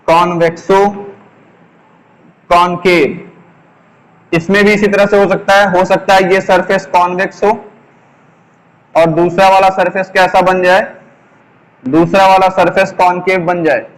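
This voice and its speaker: A man teaches a class in a high, steady voice that stays on an even pitch. He goes slowly, repeating each key term and putting questions to his students. His voice rings with a long reverb, as in a hall. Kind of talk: classroom lesson, explaining while writing on a board.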